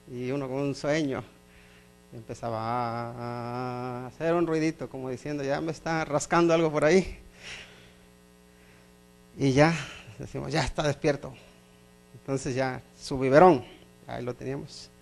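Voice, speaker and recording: A man's voice: mid-range voice, gravelly. A middle-aged man preaching a sermon as pastor, emphatic, repeating phrases and asking the congregation questions.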